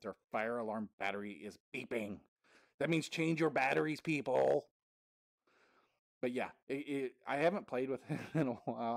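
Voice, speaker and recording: A man's voice: mid-range voice, a little mellow, no echo. Chatty man, dry close voice. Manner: chatty, laughs often mid-sentence. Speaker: gaming vlogger. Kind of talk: casual rambling storytelling.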